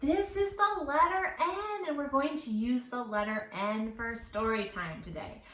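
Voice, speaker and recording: In a kids' lesson mixing songs and questions, a woman speaks and sings encouragingly and playfully, over-enunciating with care for little listeners. Her voice sits high, a bit bright and a little slow, in a reverberant space.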